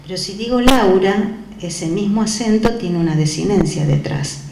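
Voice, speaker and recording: A woman music teacher, lecturing a class and explaining ideas while checking in with her students through quick questions. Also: mid-range voice. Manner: explanatory, frequent questioning tags. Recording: echoey room with background noise.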